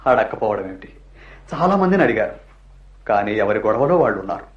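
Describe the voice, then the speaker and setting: A man's voice: lowish voice, very animated, brisk. An actor playing a distraught father pleading over his lost little son in a radio play. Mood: despairing. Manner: pleading, distraught, voice rising in panic. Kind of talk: radio drama acting. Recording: echoey, dull lo-fi radio drama recording.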